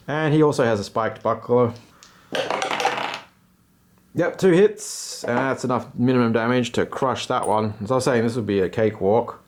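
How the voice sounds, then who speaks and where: Playing a tabletop game by himself, the host keeps up a relaxed play-by-play, tossing in slang and jokes at his own expense. He talks at a normal speed in a medium-pitched voice, and the background is noisy.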